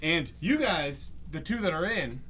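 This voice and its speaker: A man's voice: on the high side, expressive, a little slow, bright, forceful tone, a little hiss or hum. A man running a tabletop game as game master, laughing often between his descriptions. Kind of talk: narrating a tabletop game on a live stream.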